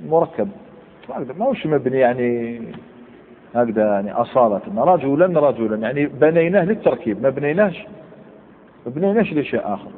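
A man gives a classroom grammar lesson, moving through each point step by step and firing short questions at his students. He is heard over a thin, phone-like line, and his voice rings with the long reverb of a lecture hall. A faint hiss runs underneath. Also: mid-range voice. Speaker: Arabic grammar teacher.

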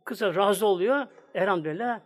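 A man's voice: sits high, normal speed. A man preaching a sermon, acting out the voices of the people in his story and speaking to his congregation. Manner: dramatic, acts out voices in stories; addresses the congregation.

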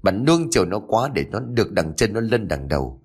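A man voicing an angry older stepfather who scolds forcefully. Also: lowish voice, big pitch swings, fairly quick, slightly rough, full character voice. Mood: furious scolding.

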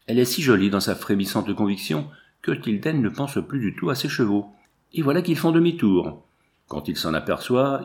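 Male audiobook narrator, measured literary reading, gravelly texture. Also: lowish voice. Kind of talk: reading a novel aloud.

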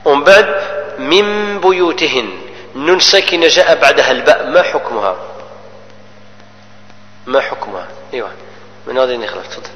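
A man teaches Quran recitation rules, explaining each rule and then chanting the verse slowly as an example. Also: mid-range voice, animated, sharp tone, highs cut off. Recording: echoey hall with long reverb.

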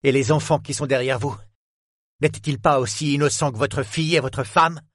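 A man's voice: mid-range voice, steady tone, moderate pace, fairly bright tone, no echo, studio quality, voice pushed up, lightly acted. A man voicing a desperate young woman, frightened yet defiant, speaking in a raised, urgent, pleading voice.

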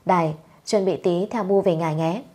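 Two-faced rich mother-in-law, sugary over sharp, husky low voice, voiced by a woman. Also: brisk, close to an everyday voice. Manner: sugary, then cutting.

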